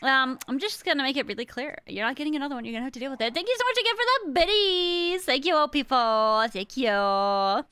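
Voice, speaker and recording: Bright high-voiced playful woman streamer. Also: expressive, quick pace, few pauses, clear, resonant tone, no room sound. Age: 30s. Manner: exaggerated valley girl slang put on; playful, self-mocking. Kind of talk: casual livestream chat.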